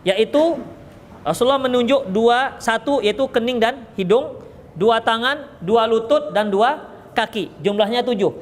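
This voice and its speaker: A man's voice: very high-pitched, measured pace. A man giving a religious study lecture, explaining with a joking, teasing manner and answering questions from the audience. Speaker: religious teacher. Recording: echoey hall, faint background noise.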